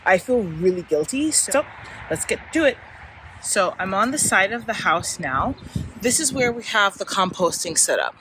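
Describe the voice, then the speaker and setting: A woman's voice: mid-range voice, a bit bright. Woman vlogging outdoors over background noise. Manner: informal, easygoing talk to viewers. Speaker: gardening vlogger. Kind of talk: casual chatty backyard vlog. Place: outdoors in a suburban backyard and side yard.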